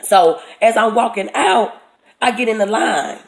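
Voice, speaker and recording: A woman's voice: a little high, unhurried, gravelly, rough recording. A woman telling a personal testimony of a dream in an earnest, storytelling way, repeating her words for emphasis.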